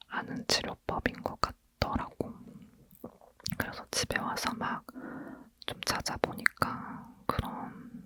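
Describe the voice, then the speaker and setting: Someone leaning in to whisper an intimate, hushed ASMR chat, speaking informally as if to a friend. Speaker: ASMR host.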